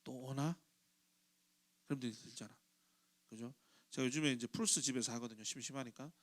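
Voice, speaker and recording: A man's voice: medium pitch, brisk. A middle-aged male pastor giving a chatty youth sermon in a church sanctuary, often asking the congregation questions and briefly acting out quoted voices. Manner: acts out quoted voices in short bursts.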